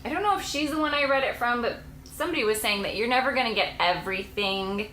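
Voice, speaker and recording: A woman's voice: fairly high pitch, quick pace, pushed and bright, echoey room, a little hiss or hum, poor audio. A woman in her late twenties, a homeschooling mom vlogger, chatting casually and rambling to camera with frequent laughs. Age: late 20s.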